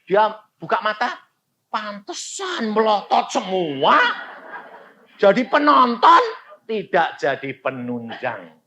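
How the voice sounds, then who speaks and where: Animated pastor preaching. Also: male voice, high-pitched, slow pace, dull audio. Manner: dramatic storytelling, swinging from loud calls to quiet asides. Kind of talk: sermon.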